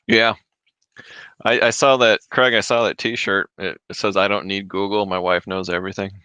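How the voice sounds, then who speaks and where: Chatty low-voiced man on a livestream. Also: steady tone, brisk, bright, forceful tone, clean tone, dry recording, rough recording. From Michigan, USA. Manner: chatty, reads viewer comments aloud, chews while talking. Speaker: livestream host answering reseller questions. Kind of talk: casual livestream chat. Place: his home. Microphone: desk microphone. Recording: dry close mic, drops off when mic moved away.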